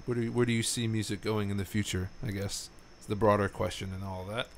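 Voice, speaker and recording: A man's voice: on the low side, steady tone, quick pace, slight background noise. A man hosting a podcast, chatting casually with a guest, rambling a bit and dropping in lots of mm-hmms and fillers. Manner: rambling, frequent affirmations and fillers. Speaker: podcast host. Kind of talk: casual interview chat.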